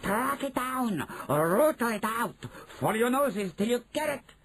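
A storyteller voicing an imperious, venomous witch leader in a children's storybook, with drawn-out, screeching commands. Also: mid-range voice, sing-song, vocal fry, darkish tone. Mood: furious.

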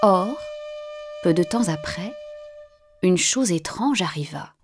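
A woman narrating a fairy tale in a calm, measured voice that sometimes drops to a hushed whisper. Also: lowish voice. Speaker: storyteller. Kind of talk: storybook narration. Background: faint music.

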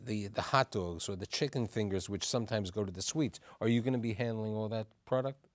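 A man's voice: on the low side, fairly quick, no echo. A man in his sixties hosting a televised studio panel who presses his guests with questions and often repeats his opening words. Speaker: talk show host. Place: dark TV studio set. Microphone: lapel.

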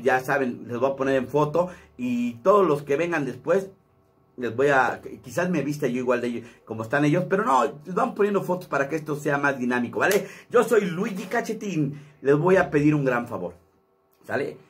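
A man, a comedian chatting casually to his channel in a rambling way. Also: on the high side. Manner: chatty, rambling, many fillers. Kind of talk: casual vlog talk.

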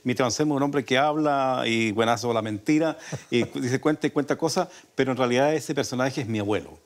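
A man's voice: medium pitch, fast talker. An older man from Chile with a Chilean Spanish accent, a folk singer telling long rambling stories in a radio interview. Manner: rambling, with many restarts and fillers. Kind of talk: relaxed storytelling interview. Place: radio studio.

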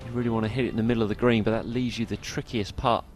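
A man's voice: medium pitch, fairly even intonation, racing, faint music behind. A man giving golf commentary, analysing each shot of a tournament.

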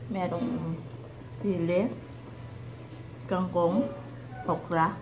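A woman's voice: fairly low pitch, fairly even intonation, noisy background. Filipino woman chewing while she talks. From Philippines. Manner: unhurried, chatty, with long eating pauses. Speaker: mukbang vlogger. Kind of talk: casual mukbang chat. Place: home. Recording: echoey room with clattering dishes.

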